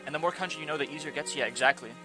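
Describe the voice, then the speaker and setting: A man's voice: fairly high pitch, very fast, music in the background, low-quality recording. A male streamer chatting casually and rambling, his talk full of "like" and restarts. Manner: rambling, fills speech with "like". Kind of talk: casual chat on a reading stream.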